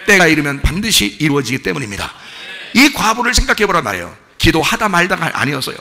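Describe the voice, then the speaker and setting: A fervent man pastor preaches at speed, his high voice leaping and falling with sharp force. His tone is tense and gravelly, and a long echo hangs in the church hall around him. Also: sing-song, fast talker. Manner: fervent preaching, swinging between shouts and hushed asides. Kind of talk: sermon. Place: church sanctuary.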